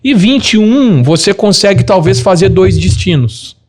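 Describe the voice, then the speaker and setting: Lively mineiro man giving travel tips. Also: a little slow. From Minas Gerais, Brazil. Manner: animated, gives practical tips with lively pitch swings. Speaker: podcast guest, travel advisor. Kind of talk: casual conversational interview.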